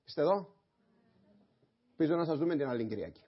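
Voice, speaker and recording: A pastor preaches in a church, his fairly high, husky voice rising from calm teaching into fervent shouting. The lo-fi recording dulls the sound. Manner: impassioned, swings from quiet talk to shouting. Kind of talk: sermon. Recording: dull lo-fi sermon recording.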